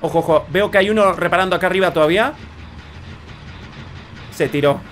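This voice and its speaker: A young man with an Argentine accent commenting on his own gameplay, excitable and quick to shout or laugh. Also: sits high, slight background noise. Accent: Argentine Spanish. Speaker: streamer.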